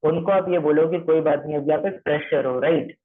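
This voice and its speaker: Brisk and slightly high-pitched, a man from Maharashtra drills trainees on a calling script, going over points again and asking if they've got it. His Hindi is sprinkled with English phrases, and the recording sounds tinny, like a phone line.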